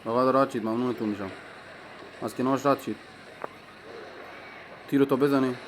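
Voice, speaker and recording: A man giving live commentary on his own mobile game match, talking to himself and his opponent, with sudden excited outbursts. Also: mid-range voice, a little hiss or hum, low-quality recording. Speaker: gaming streamer.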